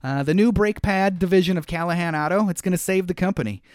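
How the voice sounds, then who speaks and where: A talkative man in a casual movie-recap chat, rambling from scene to scene with quick laughs. His voice sits a bit higher than most men's, recorded close and dry with no room sound. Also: dry recording. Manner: chatty, rambling, with frequent laughs and "uh" fillers. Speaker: podcast co-host recapping a film.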